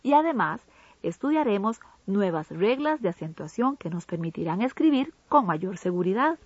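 A woman co-hosting an educational radio program, reading a Spanish grammar lesson in a measured, didactic way. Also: medium pitch, sing-song, darkish tone, husky, no room sound. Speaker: co-host of a language program. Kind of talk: scripted educational radio narration. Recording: dull lo-fi broadcast audio.

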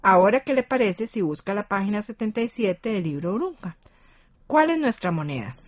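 A woman's voice: medium pitch, lively intonation, normal speed, muffled recording. A woman with a Costa Rican accent hosting a scripted educational radio lesson.

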